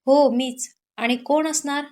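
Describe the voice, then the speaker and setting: A woman's voice: high-pitched, steady tone, takes it slowly, a little mellow. A woman voicing a caring, teasing college-aged younger sister in an audio story. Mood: cheerful. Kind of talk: Marathi audio story narration.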